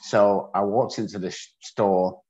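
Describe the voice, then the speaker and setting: A man's voice: on the low side, fairly even intonation, unhurried, darkish tone. A man from England with an English accent, a guest telling his own story in a candid, self-deprecating way. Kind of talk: storytelling interview. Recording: dull lo-fi audio.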